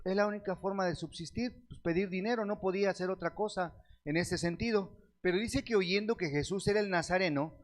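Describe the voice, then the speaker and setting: A man preaching a sermon, reading scripture slowly and asking the congregation questions that he answers himself. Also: sits high. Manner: reads scripture aloud with slow stretched words; addresses the congregation as beloved brethren.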